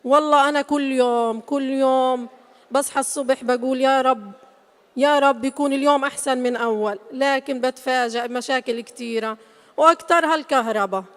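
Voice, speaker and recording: A harried, exasperated mother, played by a woman speaks in a high, rapid voice with a Gazan Palestinian accent, in a live stage comedy. Her lines are quick and emphatic, and her voice rings with the long reverb of a large theater hall. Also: clean tone, natural voice. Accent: Gazan Palestinian Arabic. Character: weary harried mother coping with power cuts. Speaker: stage actor.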